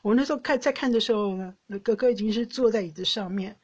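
A middle-aged woman with a Taiwanese Mandarin accent, hosting a podcast and telling personal stories in an emotional, animated way. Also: mid-range voice, fast, slightly rough, lo-fi sound. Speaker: podcast host. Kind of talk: casual personal storytelling.

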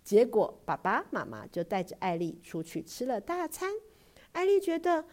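Expressive woman reading a children's story. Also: on the high side, normal speed. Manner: expressive, warm-paced storytelling.

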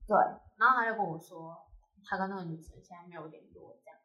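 A woman from Taiwan tells her story in relaxed podcast chat, acting out the other people's lines. Her voice is bright and clear. The recording has a roomy echo. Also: on the low side, fast. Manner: animated storytelling, quoting others in lively voices. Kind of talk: casual chat.

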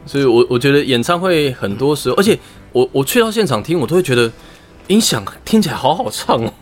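Animated Taiwanese man hosting a casual chat. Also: mid-range voice, quick pace, soft background music. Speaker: podcast host.

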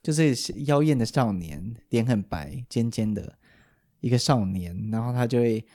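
A man's voice: mid-range voice, animated, moderate pace, warm tone. A man with a Taiwanese Mandarin accent, a podcast host in casual chat who explains at length and often restarts his sentences.

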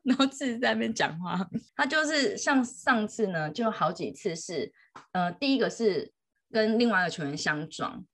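Lively mom chatting, pitch jumps all over, laughs a lot. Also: female voice, moderate pace. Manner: animated, laughing storyteller. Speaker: mother telling a story. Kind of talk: casual chat.

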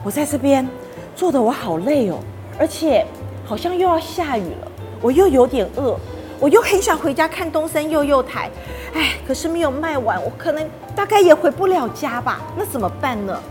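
A woman's voice: high voice, big pitch swings, moderate pace, darkish tone, faint music behind. A woman voicing a shy young boy, talking in a timid, whiny way. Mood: worried. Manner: timid, whiny, later bold hawking.

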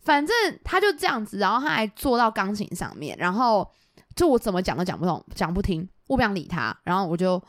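Fast, animated young Taiwanese woman. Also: medium pitch, no room sound, clean studio sound. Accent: Taiwanese Mandarin. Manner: animated, acts out quoted people in lively voices. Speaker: podcast co-host. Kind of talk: casual chat storytelling.

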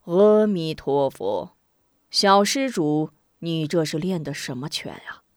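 A woman voicing an elderly, wise and genial male Shaolin abbot in a told martial-arts story, speaking slowly in a lowered voice. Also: animated, no echo, studio quality. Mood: solemn, kindly.

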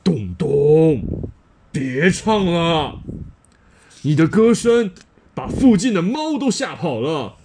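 A man's voice: fairly high pitch, sing-song, gravelly, warm tone, slight background noise, voice pushed up, exaggerated voice. Man doing a stern storybook police officer. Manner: slow, stern warning.

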